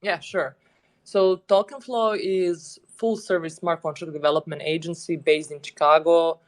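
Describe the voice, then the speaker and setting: A man's voice: a little high, normal speed. A man from Serbia, a guest in an online audio chat, talking casually with frequent laughs and phrasing. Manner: relaxed, laughs often, loose non-native phrasing. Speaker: guest, head of business development. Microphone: online audio stream.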